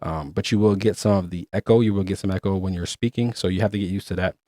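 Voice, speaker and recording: A man's voice: sits low, quick pace, mellow, no room sound, studio quality. A man hosting a casual product review, chatty and explaining features step by step. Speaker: gear reviewer and host.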